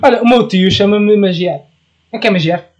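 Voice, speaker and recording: A man's voice: high-pitched, moderate pace, slight background noise. A young man with a European Portuguese accent, co-hosting a casual podcast chat, playful and slangy. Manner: playful, uses slang and English gamer words. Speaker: podcast co-host.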